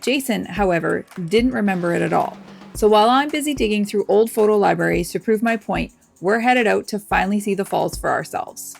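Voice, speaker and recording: Chatty Canadian woman with gravelly tone. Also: medium pitch, fairly quick, soft background music. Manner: chatty, laughs often, teasing. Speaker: RV travel vlogger. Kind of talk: casual travel vlog with voice-over narration.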